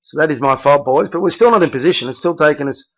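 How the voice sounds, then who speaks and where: Frustrated basketball coach, blunt. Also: male voice, on the high side, quick pace, fairly bright tone, poor audio. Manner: blunt, frustrated, correcting players by name. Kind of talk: game film review.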